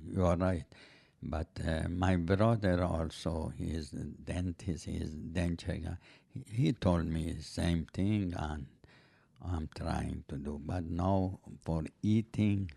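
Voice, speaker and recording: Gravelly older man in halting English. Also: sits low, steady tone, mellow, dry recording. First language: not English. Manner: halting, broken English with many fillers. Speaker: podcast guest, host's father. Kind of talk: casual chat.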